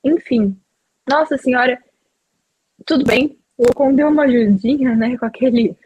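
A woman's voice: high voice, moderate pace, darkish tone, husky, dry recording, low-quality recording. A woman hosting a casual chat, rambling with lots of fillers and enthusiasm.

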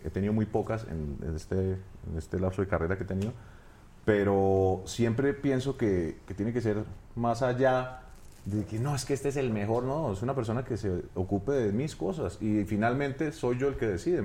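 A man's voice: fairly low pitch, normal speed, dark tone. A man with a Colombian accent, a talk-show guest and actor, explaining his views earnestly in casual conversation. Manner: earnest, explains with quoted asides.

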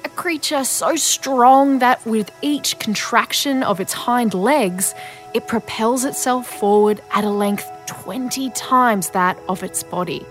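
High-voiced Australian woman narrating, nature documentary style. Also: takes it slowly. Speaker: podcast host and narrator. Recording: music behind the voice. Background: music.

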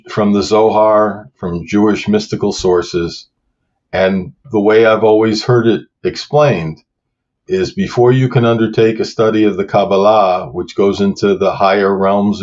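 A man's voice: on the low side, darkish tone. A man in his fifties explains his view thoughtfully, step by step, with small restarts. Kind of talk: explanatory discussion. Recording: dull lo-fi sound.

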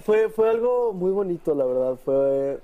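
A man's voice: high-pitched, expressive, measured pace, narrow, tinny audio. Hesitant teenage boy guest. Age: teens. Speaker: young actor guest. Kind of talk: talk show interview.

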